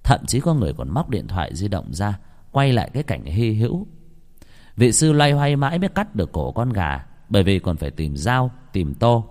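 A man tells a ghost story in a low, lively voice that rises and dips expressively. A long hall-like reverb hangs behind every line. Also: normal speed. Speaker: narrator. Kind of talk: scripted horror story narration.

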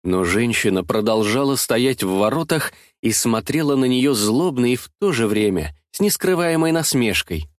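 A man narrating a literary audiobook in a measured, dramatic reading. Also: medium pitch, animated, dry recording, clean studio sound.

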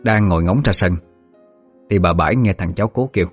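Low-voiced man telling a ghost story. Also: fairly quick, soft background music. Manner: dramatic, vivid storytelling.

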